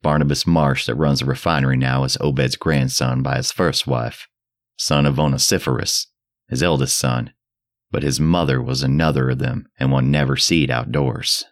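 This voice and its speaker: A man voicing a terrified old drunk who rants in a shrill, cracking old voice and a rustic dialect. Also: steady tone, normal speed. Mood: muttering. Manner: rustic old New England dialect, ranting. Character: terrified old male drunk, rambling and frantic.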